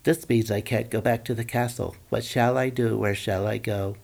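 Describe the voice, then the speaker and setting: A man's voice: fairly low pitch, fairly even intonation, moderate pace, vocal fry, darkish tone. A man voicing a sweet, bewildered young princess in a plaintive, put-on girlish tone.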